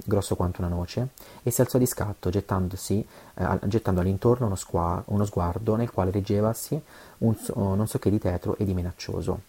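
A man's voice: low voice, creaky, mellow, breathy edge. A man reading an adventure novel aloud, with occasional stumbles and self-corrections. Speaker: audiobook reader.

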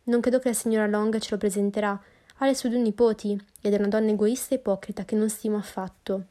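A woman narrator voicing a fussy, excitable middle-aged mother who complains shrilly in an audiobook. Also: mid-range voice, fast talker, natural voice. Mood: peevish. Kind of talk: audiobook character voice.

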